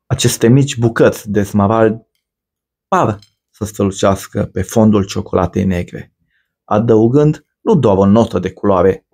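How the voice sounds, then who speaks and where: A man giving a measured, ornate, scripted voice-over for a cooking video. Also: on the low side, a little mellow. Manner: measured, ornate storytelling delivery. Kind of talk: scripted poetic voice-over narration.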